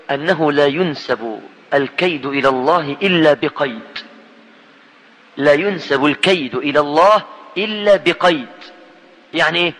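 A man with an Egyptian Arabic accent gives a teaching sermon with a bright, forceful voice and a high pitch. He drives his points home emphatically, repeating them and checking that his listeners follow. His voice rings out with a long hall reverb. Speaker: preacher.

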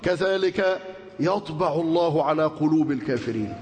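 A man with an Egyptian Arabic accent teaching a colloquial religious lesson, animated, reciting scripture and putting rhetorical questions to his listeners. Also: on the high side, normal speed, a little hiss or hum. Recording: long hall reverb.

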